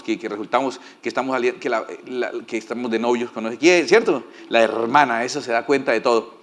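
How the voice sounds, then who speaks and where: A man's voice: on the high side, a bit bright. A male pastor preaching a sermon in a folksy, joking way and often asking the congregation for agreement.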